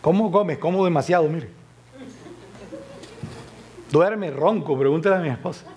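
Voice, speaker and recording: A man preaching a fervent sermon in a church, swinging from loud exclamations to soft, near-whispered appeals. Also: on the high side, moderate pace. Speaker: evangelist preacher.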